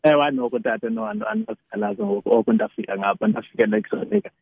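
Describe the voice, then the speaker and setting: A South African man with a Xhosa accent speaks over a narrow, tinny line with a rough, husky voice. As a guest preacher he explains teaching informally, repeating phrases haltingly and switching between two languages. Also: high voice, very animated, no room sound.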